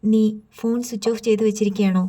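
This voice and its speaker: Storybook figure: an insistent mother, read by a woman narrator, soft and warm. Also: medium pitch, level tone, fast, lightly acted. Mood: prying. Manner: pressing questions. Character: prying, insistent mother of a grown son.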